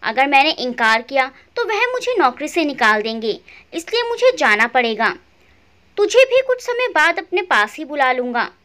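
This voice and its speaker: A woman's voice: sits high, big pitch swings, moderate pace, a bit bright. A woman voicing a grown son who talks to his mother in a brusque, dismissive way.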